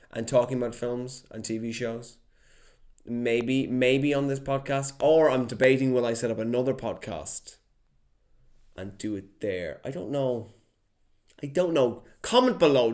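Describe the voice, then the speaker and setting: A young man hosting his own podcast in a casual solo chat, lively and chatty, slipping into quick mock voices. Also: medium pitch. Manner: chatty, animated, drops into mock impressions. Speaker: podcast host.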